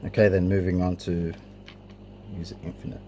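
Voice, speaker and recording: In a clearly noisy amateur home recording, a middle-aged man gives an unscripted, casual show-and-tell of his cassette collection. His low voice is flat and moderately paced, and he sounds a little hesitant.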